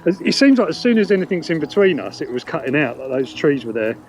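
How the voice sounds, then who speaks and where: This British vlogger talks fast in a slightly high, sing-song voice while casually testing gear outdoors along a riverside path. He's unscripted, speaking through a wireless intercom headset, with music audible in the background.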